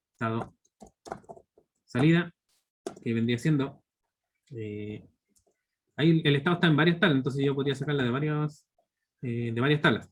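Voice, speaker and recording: A man in his thirties with a Chilean accent, teaching a live online programming class step by step and constantly checking in with his students. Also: mid-range voice. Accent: Chilean Spanish. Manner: explains step by step, checks in with students through constant tag questions. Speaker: university teacher.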